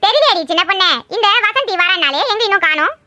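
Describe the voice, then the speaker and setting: Cartoon auntie, fussy and worried, squeaky and high, played by a woman. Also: expressive, quick pace, pushed and bright, no room sound, clean studio sound, exaggerated voice. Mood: fretting. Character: fussy middle-aged aunt, worried hostess.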